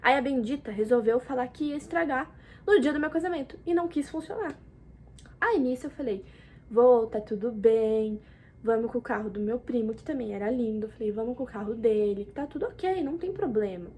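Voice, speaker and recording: A young woman from Brazil chatting casually to camera in a vlog, expressive and talkative, jumping between loud exclamations and soft asides. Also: a little high, quick pace, husky. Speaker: vlogger.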